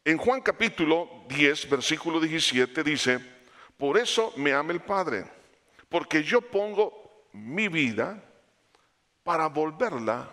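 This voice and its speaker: A man delivers a sermon with a bright, ringing voice. His pitch swings widely, climbing for emphasis and falling low and quiet, and he calls his listeners brother. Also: slow. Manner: animated, rising for emphasis then dropping low. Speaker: preacher.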